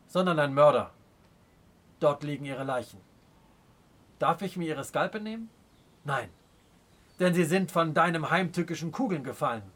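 A man reading aloud as a proud, stern chief in a storybook, speaking with slow, weighty scorn. The voice sits a touch high for a man. It sounds commanding rather than shouted. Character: proud stern adult male Native chief. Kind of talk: audiobook character reading.

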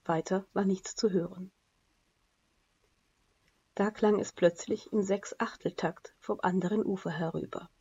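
A woman reading an adventure novel aloud as an audiobook narrator, in an even storytelling manner. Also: mid-range voice, unhurried, pauses often, breathy edge. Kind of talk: scripted narration. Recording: dull lo-fi recording.

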